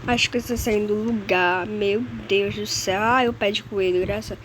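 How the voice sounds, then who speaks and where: In a steady, mid-range voice at normal speed, this Brazilian gamer talks through her gameplay in let's play style, anxious and talkative, always calling out to viewers. She has a Brazilian Portuguese accent, and the background is noisy.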